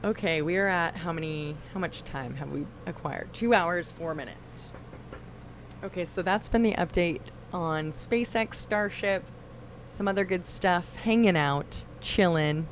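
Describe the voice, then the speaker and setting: A woman's voice: fairly low pitch, measured pace, a little hiss or hum. Chatty woman hosting a livestream. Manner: chatty, reads viewer comments aloud. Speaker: livestream host. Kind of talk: casual livestream chat.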